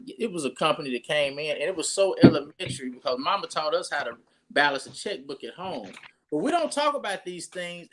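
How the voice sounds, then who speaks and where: A man's voice: a little high, a bit bright, a little hiss or hum. A pastor, talking casually and rambling through his introduction of a guest with many restarts.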